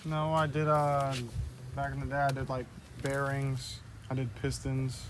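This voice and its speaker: A man's voice: mid-range voice, monotone, unhurried. Laconic man in a noisy garage. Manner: brief, laconic answers. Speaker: home mechanic. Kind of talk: casual chat on camera.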